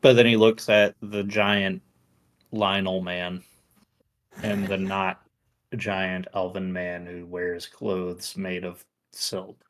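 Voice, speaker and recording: A male game master narrating a tabletop game in a fairly low voice. He takes his time, unhurried, and pads his lines with easygoing fillers. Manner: relaxed, with frequent fillers.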